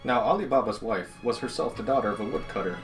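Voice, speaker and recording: A man reading a folktale aloud in a steady, plain manner. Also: mid-range voice, fast talker, faint music behind, poor audio. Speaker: storyteller. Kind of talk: storybook reading.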